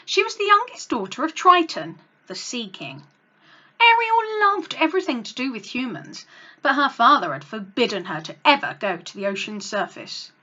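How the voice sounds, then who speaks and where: In a read-along for kids, a woman who hosts the channel tells a story in a lively, fairly high voice, dramatic and expressive for a young audience, at normal speed. The recording sounds slightly dull and lo-fi.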